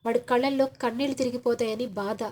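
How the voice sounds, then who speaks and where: A woman's voice: a little high, steady tone, quick pace, lightly acted. A woman voicing a wounded proud father. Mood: bitter. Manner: reproachful, raises voice to defiant shouting.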